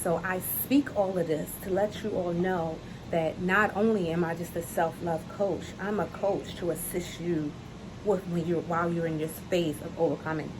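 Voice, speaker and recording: It's a hot day outdoors, and background noise competes with a self-love coach's lowish voice. Speaking to camera, she gives an earnest, uplifting talk from the heart, repeating her main phrases.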